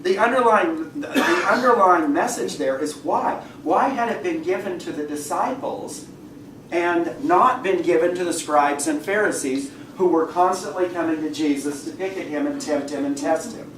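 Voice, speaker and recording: A man with a slightly raised, hoarse voice teaches an adult Bible class in a relaxed, questioning way, often clearing his throat. He is picked up from a distance in an echoey church room. A faint hiss sits under the recording. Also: a little high, moderate pace.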